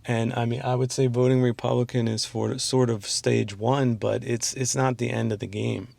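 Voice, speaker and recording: Casting: male host, rambling monologue, gravelly voice, hoarse and clearing his throat, dry close sound. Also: medium pitch, level tone, darkish tone, no echo. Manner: rambling, halting, many fillers and restarts. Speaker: channel host.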